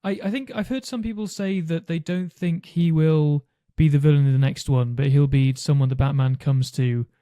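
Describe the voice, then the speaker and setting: A man's voice: on the high side, steady tone, normal speed, hardly any pauses, mellow, no echo, clean studio sound. A man chatting casually about films as a podcast co-host, thoughtful and a little hesitant. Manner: thoughtful, hesitant, acts out conversations. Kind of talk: casual film discussion.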